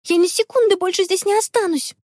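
A woman's voice: steady tone, fast talker, a little mellow, dry recording, clean studio sound. A woman voicing a frightened young girl who whines and panics in a storybook. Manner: whining, panicky, high-pitched.

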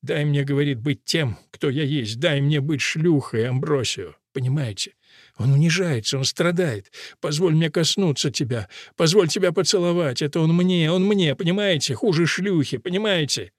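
A man reading aloud as a troubled chauffeur pours out his grievances in a low, moaning, complaining voice. The sound is close and dry, with no room around it. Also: normal speed, hardly any pauses, slightly rough, no echo. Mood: plaintive. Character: troubled male chauffeur confiding in a woman, plaintive. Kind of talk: audiobook reading.

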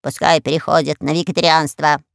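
A reader voicing a bossy old male parrot in an audiobook, with gruff, lecturing talk. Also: mid-range voice, level tone, brisk, fairly bright tone, no room sound, clean studio sound, pitched below the performer's own voice. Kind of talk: audiobook character voice.

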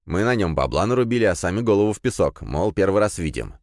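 A man's voice: low voice, sing-song, quick pace, darkish tone, dry recording, clean studio sound. A man doing a grumbling street henchman. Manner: grumbling, slangy. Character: gruff young male criminal henchman.

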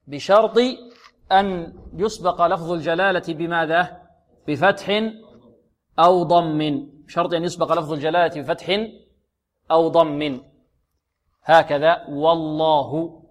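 A man teaching Quran recitation rules, often asking a question and answering it himself, and slowly drawing out the sounds he demonstrates. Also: fairly high pitch. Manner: asks and answers his own questions, slow drawn-out demonstrations. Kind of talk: tajweed lesson.

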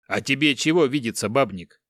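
A man voicing a gruff giant barbarian who drawls slow, loud and folksy mockery in an audiobook. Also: mid-range voice, animated, no echo, clean studio sound, close to an everyday voice. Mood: mocking.

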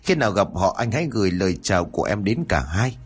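A sorrowful young woman's ghost speaks here, voiced by a man reading a horror story. Her pleading sounds low and husky, and it rises and falls a lot. She is tender, with the hatred gone out of her. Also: very animated, fast talker, exaggerated voice.

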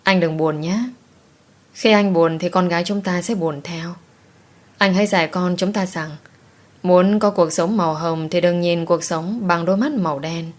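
A woman's voice: fairly low pitch, moderate pace, close to an everyday voice. A woman voicing a late young wife in a dream scene of an audiobook, encouraging and reassuring.

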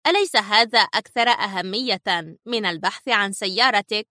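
A woman reading a storybook who voices a calm, level-headed male agent explaining things in a measured way. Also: medium pitch, no room sound, studio quality, close to an everyday voice.

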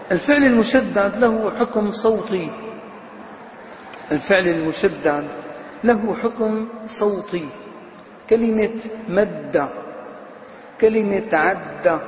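A man teaching a grammar lesson to a class. He drags out example words slowly, chants lines of verse and puts questions to his students. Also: high voice. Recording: echoey hall, slightly dull sound, faint noise.

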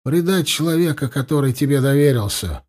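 A man's voice: fairly high pitch, expressive, fairly quick, darkish tone. A man voicing Hasta, an earnest, worried young priest.

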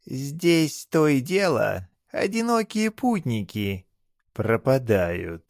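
A man voicing a fat, cackling male bathhouse spirit with a high, teasing, wheedling voice. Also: big pitch swings, unhurried, gravelly, no room sound, clean studio sound, heavily acted. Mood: hushed.

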